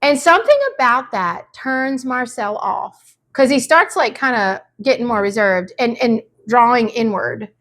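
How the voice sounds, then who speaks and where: High-voiced chatty woman recapping TV. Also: unhurried. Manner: animated, mimics people in quotes, frequent "like". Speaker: reality show recap host. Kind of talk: casual chat.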